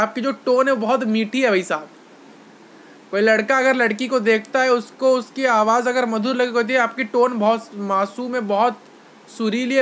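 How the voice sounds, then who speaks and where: A science teacher, a man with a very high, slightly bright voice, gives an online lecture over a faint hiss or hum. He goes over his points repeatedly, puts questions to his students, and mixes English phrases into his Hindi.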